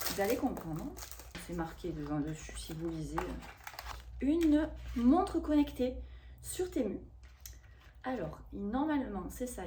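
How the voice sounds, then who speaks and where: A woman's voice: medium pitch, a little mellow, far from the mic. A woman vlogger chatting casually and enthusiastically while unboxing a shopping haul, thinking aloud. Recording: echoey room, voice off-mic.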